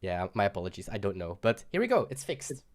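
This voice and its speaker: A man's voice: on the low side, sing-song, fast. A young man casually commentating a card game livestream, rambling with fillers and laughs.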